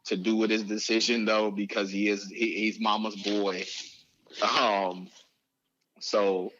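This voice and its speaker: A man's voice: on the low side, level tone, slow pace, fairly bright tone, dull audio. A middle-aged man chatting casually in an interview, rambling and hesitant, often repeating himself. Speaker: father of a recruited athlete, interviewee.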